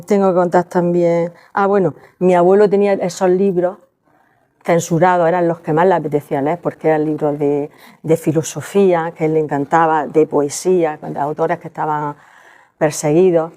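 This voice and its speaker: An older woman telling family memories to an audience, halting, with many restarts and fillers. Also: fairly low pitch, warm tone. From Spain. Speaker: storyteller at a library event. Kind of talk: personal storytelling to an audience.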